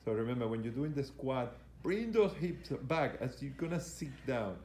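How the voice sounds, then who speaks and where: In an echoey indoor gym with faint noise in the background, a man coaches fitness while filming on his own handheld camera. His voice is medium-pitched and warm, lively, and at a normal pace. He comments on the exercises live as they are shown, repeating himself and hesitating as he instructs.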